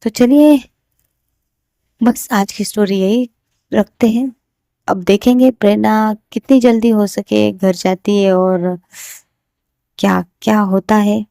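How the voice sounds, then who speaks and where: A woman's voice: medium pitch, steady tone, slow, gravelly, warm tone, no room sound, studio quality. A woman narrating a romantic story in a casual, chatty way, speaking every character's lines in her own voice.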